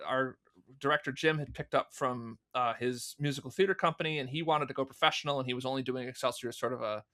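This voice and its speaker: A fan audio drama producer being interviewed answers conversationally and at length, telling stories and acting out things people said. He is a fast talker with a medium-pitched, sharp-toned voice.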